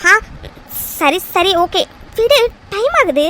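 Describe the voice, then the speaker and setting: A woman voicing a very high, playful bride-to-be. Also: very animated, slow pace, fairly bright tone, a little hiss or hum, exaggerated voice. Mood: loving. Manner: teasing and affectionate, fond of exclamations. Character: playful young woman engaged to be married. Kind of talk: cartoon voice dub.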